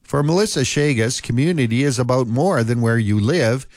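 A man's voice: medium pitch, no echo. Man reading local news, dry sound. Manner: steady, measured delivery. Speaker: news anchor.

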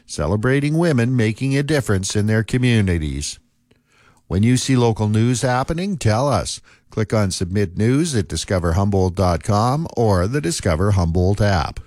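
A man reading scripted local news and sports in a steady, measured delivery. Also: on the low side, dry recording, clean studio sound. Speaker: news anchor.

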